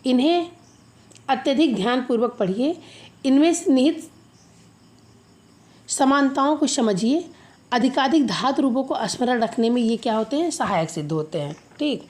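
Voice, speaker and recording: A woman teacher with a fairly high voice explains a grammar lesson. She poses questions to her students and answers them herself. She slowly recites lists of verb forms for them to repeat. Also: expressive, darkish tone.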